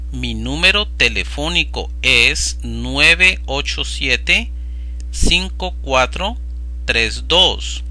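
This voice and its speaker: A man teaching Spanish speaks over slides in a mid-range voice that comes across as pushed and bright. His drill is slow and deliberate, with each practice phrase read aloud and carefully enunciated on its own.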